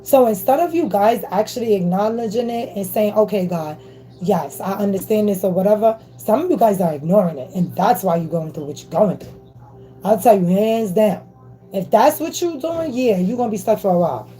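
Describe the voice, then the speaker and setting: A woman's voice: medium pitch, expressive, brisk, dark tone, soft background music, low-quality recording. A woman giving a casual motivational spiritual talk into her phone camera, emphatic and slangy, checking in with listeners with a constant "okay?". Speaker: spiritual reader.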